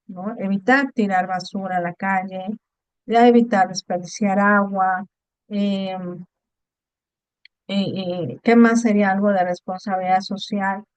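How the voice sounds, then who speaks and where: Woman tutor, clear smooth voice, dry close sound, patient explainer. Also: medium pitch, a little mellow, no room sound, lo-fi sound. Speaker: online course tutor. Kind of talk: virtual class explanation. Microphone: video call.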